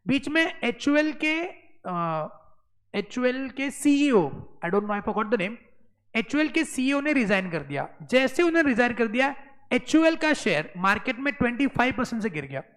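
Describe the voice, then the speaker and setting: A man's voice: extremely high pitch, big pitch swings, normal speed, a bit bright, clean tone, in a large hall, poor audio. A man from Maharashtra, India, lecturing as an accounting exam tutor, switching between Hindi and English, drilling students with repeated rhetorical questions and playful teasing. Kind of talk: classroom lecture.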